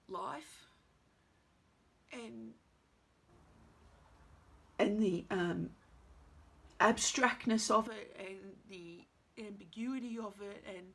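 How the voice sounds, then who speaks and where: A woman actress talking to camera at home in a halting, musing way, full of fillers. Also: medium pitch, vocal fry, slight background noise. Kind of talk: reflective casual monologue.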